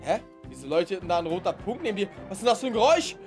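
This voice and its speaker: A young man giving excitable, chatty let's-play commentary as a gaming video host. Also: sits high, rapid-fire, faint music behind. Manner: energetic, exclaiming and chatty. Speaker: gaming YouTuber.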